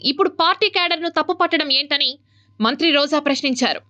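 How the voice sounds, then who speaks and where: A woman reading scripted news as anchor in a brisk, even delivery. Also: high voice, muffled recording.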